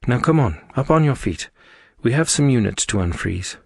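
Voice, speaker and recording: A man voicing a brisk, bossy young woman starship officer in an audiobook, giving orders. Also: medium pitch, expressive, vocal fry, darkish tone, slightly rough, no room sound, studio quality, pitched above the performer's own voice. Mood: commanding. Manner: commanding, brisk.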